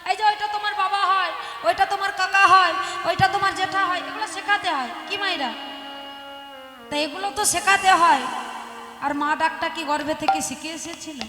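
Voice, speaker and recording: Woman preaching kirtan, really high voice, echoey hall, instruments behind her. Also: steady tone, brisk, music in the background. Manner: addresses the audience as mothers, asks questions; dramatic swings from soft to loud. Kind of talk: devotional kirtan sermon. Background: instruments playing.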